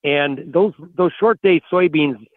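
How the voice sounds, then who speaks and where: A man with a fairly high voice comes through a buzzy, glitchy phone call, thin and dry with no room around it. He talks in halting stretches and repeats words as he works through his point. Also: no echo. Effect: buzzy, glitchy phone call audio that breaks up. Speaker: farm market analyst guest. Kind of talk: call-in radio interview. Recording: dry, tinny phone line.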